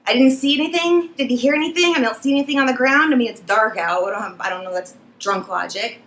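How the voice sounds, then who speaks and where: A young woman vlogger telling an embarrassing story to camera, animated and laughing as she acts it out. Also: fairly high pitch, fast talker.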